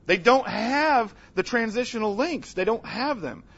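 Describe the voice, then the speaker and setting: A man giving an energetic, humorous conference lecture, emphatic and calling out to the audience for responses. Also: very high-pitched, unhurried, dull audio. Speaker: conference speaker.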